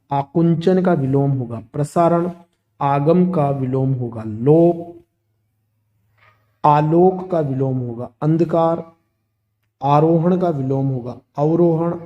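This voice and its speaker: A man's voice: on the high side, highs cut off. A man teaching a grammar lesson, steadily listing words and their opposites. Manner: steady, listing word pairs one after another.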